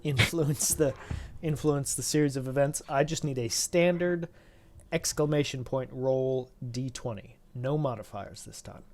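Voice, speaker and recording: A man running a tabletop game as dungeon master, describing the scene in a halting way, often stopping to restart and correct himself. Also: medium pitch, a little mellow.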